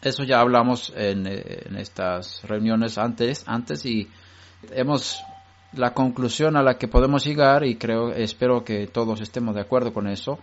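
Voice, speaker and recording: A man giving an unscripted religious lesson to a study group, explaining step by step in a measured way and often restarting his sentences. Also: mid-range voice, steady tone. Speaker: Bible study teacher. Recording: dull lo-fi recording.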